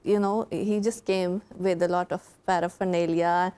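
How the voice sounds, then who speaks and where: A woman with a Pakistani accent, a guest engineer chatting in a talk show interview and recounting things in a halting, conversational way. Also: on the low side, steady tone, mellow, smooth.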